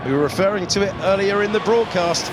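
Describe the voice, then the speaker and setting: A man giving live motorsport race commentary with an excitable, dramatic delivery. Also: high voice, quick pace, heavy background noise. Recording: engine roar and music behind. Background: race cars and broadcast music.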